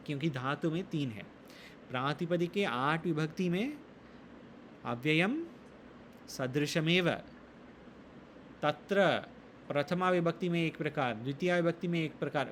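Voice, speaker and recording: Guy teaching sanskrit grammar to a class, slow and patient, bit high voice, faint noise in the room. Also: a bit bright. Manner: slow explaining, quizzes students, recites sutras. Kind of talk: classroom lesson in Hindi.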